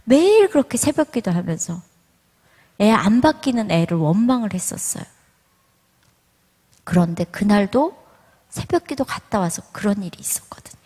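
A middle-aged woman giving a church testimony, telling her story with lively storytelling and acting out the lines. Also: medium pitch, normal speed, pauses often, breathy edge. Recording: reverberant hall.

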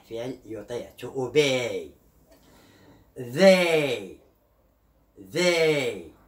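A man teaching an English pronunciation lesson. He repeats each example word several times and draws out the sounds. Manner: pitch jumps up on example words and drops for explanations. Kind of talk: slow explanatory language lesson.

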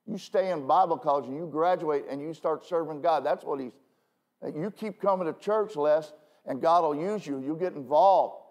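A male pastor preaching a sermon from the pulpit in a conversational way, full of self-deprecating asides and quick "okay?" checks with the congregation. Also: fairly high pitch, a little mellow. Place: church pulpit.

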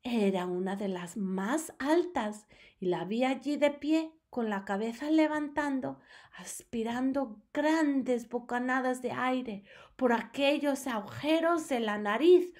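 A woman teacher narrating a storybook aloud to students in an expressive, dramatic way. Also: high-pitched, slow pace.

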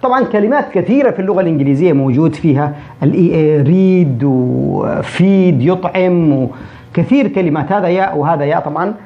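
Fast-talking male English teacher. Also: a little high, animated. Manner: repeats example words slowly to demonstrate sounds. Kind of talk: explaining a pronunciation lesson. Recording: dull lo-fi recording.

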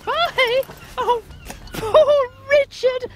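A woman voicing a sweet, giggly little female puppet in a children's show, with a cutesy, drawn-out delivery. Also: very high voice, a little hiss or hum, exaggerated voice.

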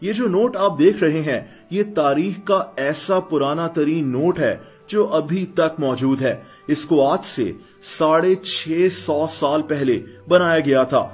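A man reads a scripted explainer voice-over in a fairly high, husky voice. He keeps a steady teaching pace and often turns to the listeners as friends. Soft music plays faintly underneath. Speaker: explainer video narrator. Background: faint background music.

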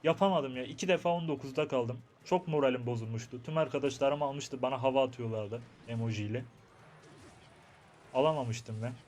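Excitable young man narrating gameplay. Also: mid-range voice, a little fast, slight background noise. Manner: chatty, excitable, talks to viewers and to himself while playing. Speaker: gaming YouTuber. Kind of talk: live gameplay commentary.

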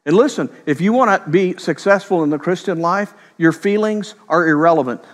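A middle-aged man preaching a sermon, telling stories in a conversational way and slipping into quick voiced quotes. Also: high voice, in a large hall. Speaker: pastor.

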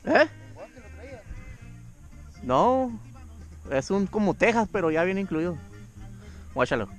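A man, chatting excitedly and swearing freely while fishing, recorded outdoors on a boat by an action camera. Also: high voice, slow pace, faint music behind. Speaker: angler filming his fishing trip. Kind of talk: casual fishing vlog banter. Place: outdoors on a bass boat on a lake. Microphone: first-person action camera.

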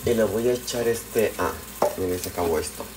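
A man's voice: on the low side, brisk. A man with a Mexican accent chatting casually with livestream viewers, calling them pet names and using slang while he cooks in a home kitchen at night. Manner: chatty and affectionate, greets viewers by name, slangy. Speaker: live streamer. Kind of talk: casual cooking livestream chat. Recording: kitchen noise behind the voice. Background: frying, pots and dishes clattering.

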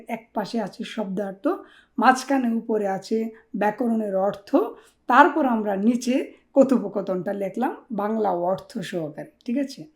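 A woman's voice: mid-range voice, darkish tone. A woman teaching a Korean language class, repeating each word and checking in often with her learners. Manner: checks in often with rhetorical questions; drills words by repeating them. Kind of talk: classroom explanation.

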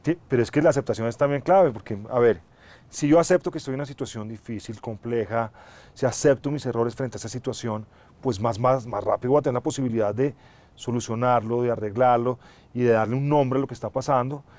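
Middle-aged male actor, mid-range voice, earnest and measured, TV studio interview guest on lapel mic. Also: mid-range voice, darkish tone. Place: TV studio set, seated in armchair.

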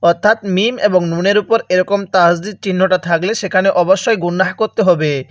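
A Bangladeshi Bengali-accented man gives a step-by-step lesson in Quran recitation, explaining each rule and answering his own questions. His voice is high, and he stretches out the example words slowly. The recording is dry and a little dull. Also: fairly even intonation, no echo. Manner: explains a rule, then slowly drawls out the Arabic words to demonstrate.

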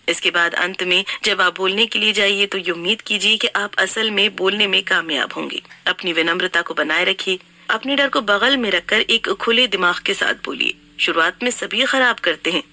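Woman, bright voice, dry close sound, scripted book summary narration, instructive. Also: mid-range voice, dry recording. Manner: even, instructive reading.

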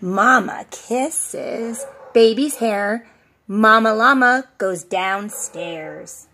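Middle-aged female preschool teacher, high-pitched, expressive sing-song read-aloud for small children. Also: drawn-out words, slight background noise. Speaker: preschool teacher reading a storybook. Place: outdoors on a covered porch.

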